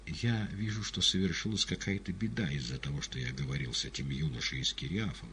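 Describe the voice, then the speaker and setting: Man doing a gentle, mild young prisoner. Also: rumbling low, fairly quick, slight background noise. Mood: earnest. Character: gentle, calm, beaten young male prisoner.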